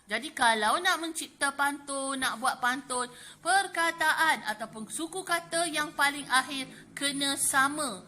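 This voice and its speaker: A woman's voice: high voice, measured pace, sharp tone. A Malaysian woman teacher with a Malay accent giving a lesson to young pupils, chatty and full of fillers like "okey" and "ha". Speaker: primary school teacher. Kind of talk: classroom lesson explaining poetry.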